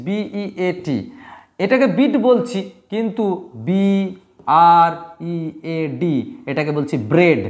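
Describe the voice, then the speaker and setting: A man's voice: sits high, a little mellow. A man teaching English pronunciation rules, repeating each point and answering his own questions. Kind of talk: classroom lesson at a board.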